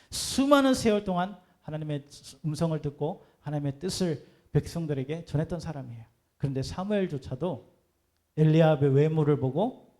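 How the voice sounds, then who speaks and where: A man's voice: fairly high pitch, warm tone. A man preaching a sermon as pastor, talking conversationally and putting rhetorical questions to the congregation.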